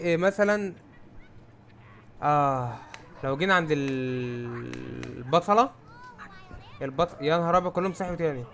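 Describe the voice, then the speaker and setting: A young man with an Egyptian Arabic accent giving let's-play commentary, jumpy and prone to sudden yelps and shouts when startled. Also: a little high, a little hiss or hum. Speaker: gamer.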